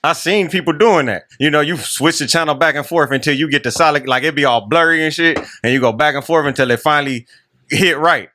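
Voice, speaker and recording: Bright-voiced man musing on his childhood. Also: a little high, no room sound. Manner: reflective, drawn-out storytelling. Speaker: podcast guest, musician. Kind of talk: casual chat.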